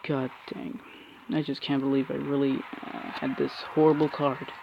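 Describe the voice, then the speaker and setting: Opening packs and playing a mobile game, an angry man rants in frustration, cursing often and restarting his sentences. His creaky, mid-range voice barely shifts in pitch and moves at normal speed, over dull audio with a little hiss or hum.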